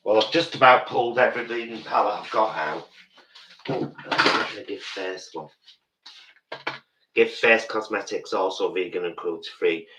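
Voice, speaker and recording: A British man in his early fifties, a campy drag queen chatting casually and thinking aloud during a live makeup session. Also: deep voice. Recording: roomy, distant, noisy background.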